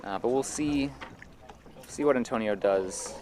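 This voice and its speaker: A man's voice: mid-range voice, a little slow. An American man doing live sports commentary, explaining at an easy pace with frequent fillers. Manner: explanatory, relaxed, many fillers.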